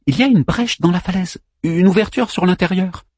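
A man voicing a small, plucky male robot sailor in an audiobook, in a high, excited and emphatic voice. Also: a little fast, no echo, studio quality. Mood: urgent, eager.

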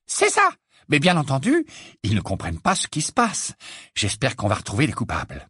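A man voicing a kindly, excitable middle-aged wizard who stammers and hurries. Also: mid-range voice, brisk, breathy edge, dry recording, clean studio sound, voice pushed up, full character voice. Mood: flustered.

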